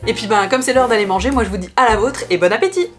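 A woman's voice: on the high side, animated, very fast, faint music behind. Playful chatty woman food vlogger. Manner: chatty and playful, jokes at herself. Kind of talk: casual food vlog narration.

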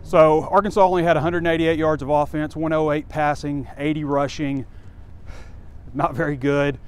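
A man in his forties, publisher of a sports site, speaks at normal speed in a slightly high, smooth voice with flat delivery. Walking a campus street near a stadium, he gives candid, rambling, conversational sports commentary with fillers, captured on a phone camera held close amid faint street noise.

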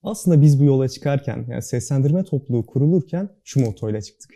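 Hızlı konuşan, çok koyu sesli genç adam. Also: male voice, medium pitch, lively intonation, fast, dark tone. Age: young adult. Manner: careful, precise diction, earnest and formal. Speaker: student club board member, guest. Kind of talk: interview answers.

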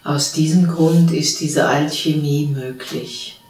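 Female meditation teacher, unhurried and soothing delivery, distant mic, echoey room. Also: sits low. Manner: slow, calm spoken instructions with long pauses. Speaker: spiritual teacher leading a meditation. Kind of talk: guided meditation. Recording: roomy sound from a distant mic.

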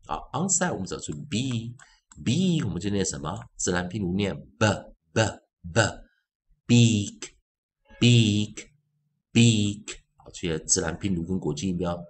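A man teaching English pronunciation, repeating sounds and words slowly and with emphasis in a phonics lesson. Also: low-pitched, expressive, a little mellow. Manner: drawn-out, emphatic word drills; self-refers as teacher.

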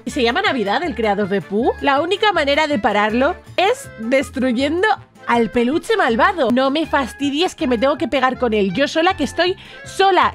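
Excitable high-voiced woman from Spain. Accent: Spain Spanish. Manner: excitable, bursts into shrieks at scares; reads game chat aloud in a flatter voice. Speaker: gaming YouTuber host. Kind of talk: casual let's-play commentary.

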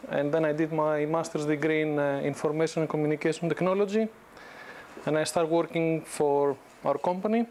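On a lapel mic with a bit of hiss or hum, a Greek man in his thirties delivers an informal business lecture as a guest in a university classroom. His fairly high voice stays relaxed and conversational, with frequent restarts and fillers.

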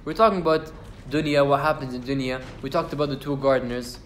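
In an echoey university lecture room, a young Quran study teacher keeps a steady tone and quick pace in his mid-range voice. His tafsir talk is informal and casual, with fillers and restarts, and he recites Arabic verses over a faint hiss or hum.

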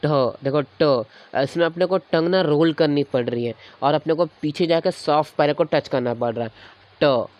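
A man's voice: a little high, normal speed, hardly any pauses, a little mellow. A man teaching a grammar lesson, patiently repeating each sound aloud to demonstrate it. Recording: dull lo-fi recording.

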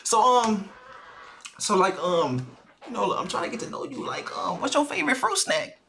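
A young man streaming a joking voice chat in an online game, flustered and stammering, breaking into sudden shouts. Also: sits high, big pitch swings, normal speed, vocal fry, slight background noise. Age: young adult.

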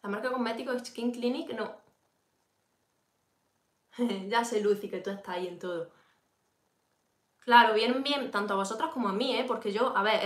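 A woman with a Peninsular Spanish accent, hosting a casual makeup tutorial livestream. She talks straight to her viewers and answers their comments as she works. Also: medium pitch. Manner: chatty, addresses viewers directly, reads and answers comments. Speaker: beauty livestream host. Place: home room during a livestream. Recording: echoey room.

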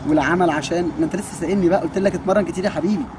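Fast-talking young Egyptian man. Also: sits high, noisy background. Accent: Egyptian Arabic. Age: 20s. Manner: rapid, joking and teasing. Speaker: kung fu coach answering viewer questions. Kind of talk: casual Q&A.

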